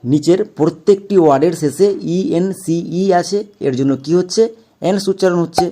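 A man's voice: fairly high pitch, fairly quick, warm tone. A man teaching English pronunciation in a video lesson, spelling words out letter by letter and repeating key rules. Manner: methodical, spells letters out one by one; repeats key points for emphasis.

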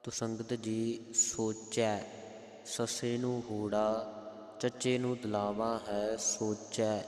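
Male scripture teacher, low voice, very slow and deliberate, echoey room with a long tail. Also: little pitch movement, a little mellow. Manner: deliberate, spells out vowel marks, chants lines slowly. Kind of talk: slow pronunciation lesson with chanted verses.

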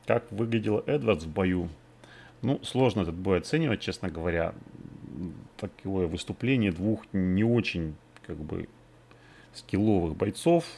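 A man's voice: low voice, expressive, a little slow, creaky, a little mellow, slight background noise. A man hosting a betting podcast, previewing fights in a casual, hesitant way, thinking aloud with many fillers. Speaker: MMA betting podcast host.

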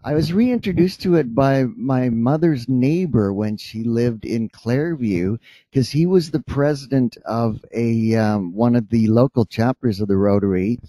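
A man's voice: medium pitch, a little slow, mellow, no echo. Rambling, joking man at a club meeting. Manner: rambling, self-joking, hesitant. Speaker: club member answering a question. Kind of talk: impromptu short speech. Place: cafe meeting room.

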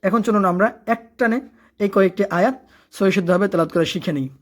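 Rapid explanation gives way to slow, elongated chanted recitation and back again as a medium-pitched woman teaches tajweed.

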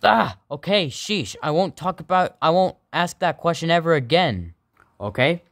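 A man voicing a goofy, excitable, suspicious suburban dad in an amateur sock puppet comedy. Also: fairly high pitch, moderate pace.

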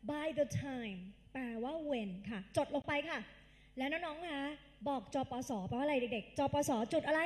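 A woman tutor giving a live exam-prep English lecture, quizzing the class in call-and-response and calling the students kids. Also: high voice. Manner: calls the students kids and dear. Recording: long hall reverb.

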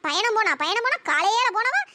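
A woman voicing a scolding, sharp-tongued old mother-in-law in a cartoon, cursing and grumbling, with a pitch-raised voice. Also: big pitch swings, fairly quick, no room sound, full character voice. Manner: cursing, nagging, wails when hurt. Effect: pitch-raised voice editing. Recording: noisy cartoon voice track.

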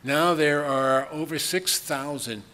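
A man's voice: on the high side, slow, sharp tone. Older male keynote speaker, chatty and wry, at a podium mic in a big echoing hall. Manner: conversational, chuckling asides, frequent ums. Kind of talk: conference keynote lecture. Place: large conference hall with audience. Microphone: podium microphone. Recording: long hall reverb, faint room noise.

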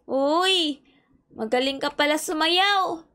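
A woman's voice: high voice, takes it slowly. A woman, cheerfully commenting while playing a game with friends. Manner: excitable, cheery, giggly. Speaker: gaming channel host.

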